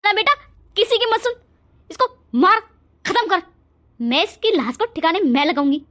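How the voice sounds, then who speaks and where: A woman's voice: very high voice, very animated, normal speed, fairly bright tone, full character voice. A woman voicing a cruel, scheming middle-aged mother-in-law in a cartoon drama, speaking in a harsh, goading way. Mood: menacing.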